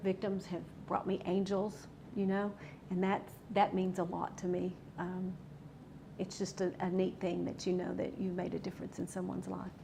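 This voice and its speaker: Woman, victim advocate, earnest, gravelly, flat pitch. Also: moderate pace, background noise. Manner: earnest, heartfelt. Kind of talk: interview.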